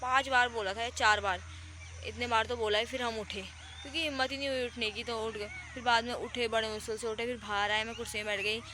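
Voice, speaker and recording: Young indian woman vlogging her day, kinda high voice, rambly storytelling, lots of noise behind. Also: fairly even intonation, fast talker. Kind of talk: casual vlog narration. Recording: noisy outdoor phone audio.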